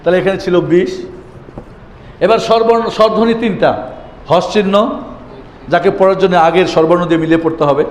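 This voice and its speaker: In an echoey hall with faint ambience, a man with a high voice teaches Quran reading as a classroom lesson. He poses questions, answers them himself, and repeats the key words, with slight background noise present.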